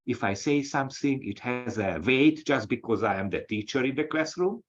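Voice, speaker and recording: A man's voice: mid-range voice, lively intonation. Hungarian-accented man giving a webinar talk. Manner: halting, with frequent restarts and fillers. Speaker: webinar speaker, associate professor. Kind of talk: lecture-style webinar talk. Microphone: video call. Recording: dull, lo-fi audio.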